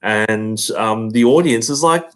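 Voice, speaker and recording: A man's voice: lowish voice, measured pace, a bit bright. A man with an Australian accent, chatting casually as a guest in a wry, joking way. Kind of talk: casual chat.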